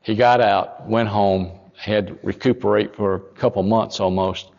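A man, a pastor telling a story in a sermon, folksy and rising to loud emphatic peaks. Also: lowish voice, steady tone, moderate pace, creaky, big-room sound, dull audio.

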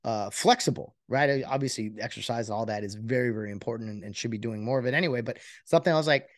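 A man's voice: mid-range voice, dry recording. Brief: man, podcast host, earnest rambling monologue, mid-range voice, very dry. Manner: rambling, earnest, self-reflective; halting with many restarts and fillers. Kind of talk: casual solo podcast monologue.

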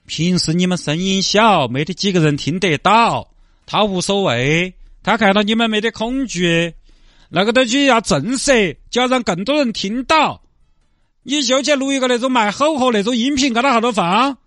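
A man's voice: sits high, moderate pace, a bit bright, dry recording, studio quality. A man voicing a pompous, scheming male bureau chief who lectures his staff. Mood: lecturing. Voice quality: lofty, lecturing tone.

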